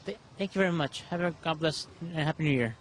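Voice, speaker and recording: A man's voice: fairly high pitch, fast talker, a little hiss or hum. A man giving spontaneous interview answers in an earnest, polite way.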